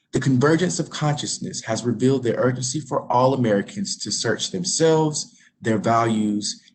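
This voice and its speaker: Formal man moderating, faint noise. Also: on the low side. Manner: measured, formal delivery. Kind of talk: reading prepared remarks.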